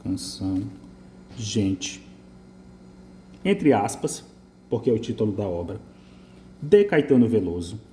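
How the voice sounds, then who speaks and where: Lively Brazilian teacher correcting an essay. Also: male voice, on the low side, slow, long pauses, slight background noise. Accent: Brazilian Portuguese. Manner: lively, emphatic, repeats phrases while writing. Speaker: writing teacher.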